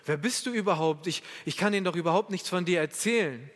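A man voicing a doubtful, hesitant male prophet who makes quick, flustered excuses. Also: high voice. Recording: echoey hall.

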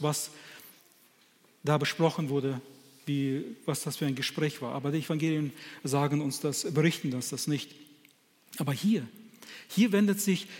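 Man preaching in a reverberant hall. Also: on the high side. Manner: halting, many restarts, quotes scripture in character. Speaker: lay preacher. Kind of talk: sermon.

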